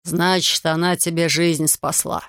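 A man voicing a gruff, suspicious middle-aged army major who talks bluntly. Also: a little high, little pitch movement, measured pace, fairly bright tone, no echo, studio quality. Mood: grumbling.

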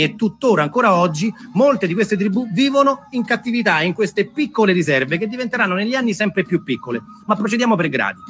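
A theatre storyteller and performer with a high-sitting, pushed, bright voice delivers a dramatised history monologue to an audience. He is emphatic, repeats himself and draws out key words.

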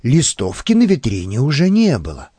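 A man narrating an audiobook in an expressive storytelling manner. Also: mid-range voice, moderate pace, breathy edge, dry recording. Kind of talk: scripted narration.

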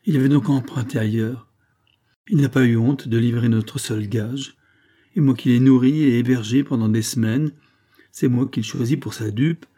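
Man doing a gruff terse charcoal burner. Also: mid-range voice, steady tone, brisk, few pauses, dark tone, lightly acted. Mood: angry.

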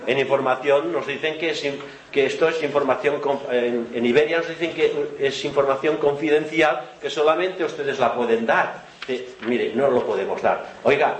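A man's voice: a little high, moderate pace. Chatty man telling a story in a noisy hall. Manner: chatty anecdote-telling, often laughing. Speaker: event organizer. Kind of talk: storytelling to an audience. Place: lecture hall with audience. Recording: roomy hall with noise.

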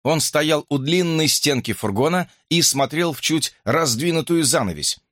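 A man narrating an audiobook in an expressive, animated reading. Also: fairly high pitch, normal speed, dry recording, studio quality.

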